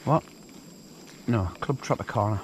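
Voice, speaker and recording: A man's voice: medium pitch, a little slow. Casual male outdoor vlogger, jokey and rambling, recorded outdoors at night with faint background noise. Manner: chatty, joking, rambling asides. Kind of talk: casual outdoor cooking vlog. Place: wild camp in hills at night, outdoors.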